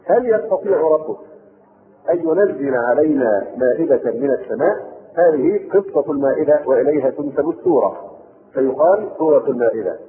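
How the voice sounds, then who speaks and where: A man's voice: a little high, lively intonation, a little fast. A man with an Egyptian accent teaching a Quran commentary lesson, reading classical text and explaining it in colloquial asides, on a tinny old recording. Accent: Egyptian Arabic. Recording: tinny lo-fi lecture tape.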